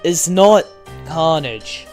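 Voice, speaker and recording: A man voicing a brooding male wrestler who speaks slowly and dramatically. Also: on the high side, expressive, faint music behind, voice pushed down. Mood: solemn. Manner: slow, solemn, dramatic.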